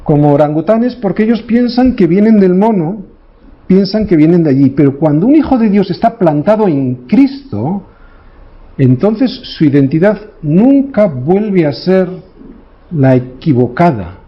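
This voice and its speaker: A male pastor with a fairly high voice delivers a sermon, driving each point home and checking in with quick tag questions. The recording is dull and slightly lo-fi. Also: expressive.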